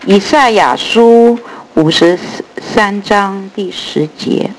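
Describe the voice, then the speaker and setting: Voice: medium pitch, slow pace, slight background noise, poor audio. A preacher giving an earnest Bible sermon, with slightly lisping, air-leaking speech from missing front dentures. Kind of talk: sermon and Bible teaching, with prayer and read-aloud scripture.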